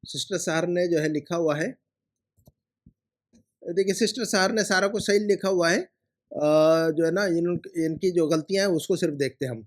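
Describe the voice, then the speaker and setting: Male teacher, somewhat high voice, explanatory and repetitive as he corrects students' homework. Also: normal speed. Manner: explanatory, repeats rules and asks "है ना" often. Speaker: Arabic teacher.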